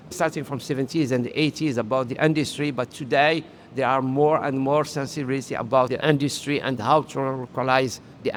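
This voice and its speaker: Middle-aged Moroccan industry guest, earnest, searching for words, faint background hum. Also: male voice, mid-range voice. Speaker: interview guest, solar industry executive. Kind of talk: casual interview talk. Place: solar trade conference.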